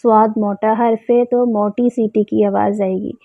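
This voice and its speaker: A woman teaching Quran recitation rules, who recites words slowly and drawn out and then explains them plainly. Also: medium pitch, little pitch movement, vocal fry, no echo. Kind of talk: tajweed lesson. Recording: tinny phone-like sound, dry.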